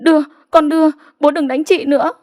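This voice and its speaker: A woman voicing a frightened little village girl with high, tearful pleading. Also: steady tone, brisk, darkish tone, natural voice. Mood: panicked.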